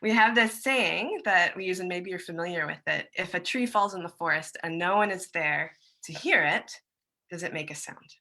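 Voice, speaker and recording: A woman's voice: fairly low pitch, lively intonation, moderate pace, pushed and bright. An American woman giving a friendly, chatty conference presentation over a video call, with plenty of loose fillers. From United States. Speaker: presenter, musician and songwriter.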